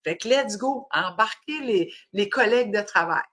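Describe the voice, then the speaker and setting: A woman's voice: mid-range voice, lively intonation, moderate pace, fairly bright tone, breathy edge. A woman with an Acadian French accent hosting a casual fitness live stream, upbeat and cheering, slipping English words into her talk. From New Brunswick, Canada.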